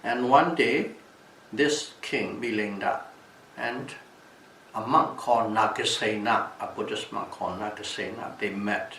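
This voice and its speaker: A man with a Burmese accent giving a Buddhist talk as a teacher, telling stories in a deliberate, halting way and repeating phrases for emphasis. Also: on the low side, bright, forceful tone. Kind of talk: dhamma talk with storytelling. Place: echoey room at a retreat. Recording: distant mic, echoey room, background hiss.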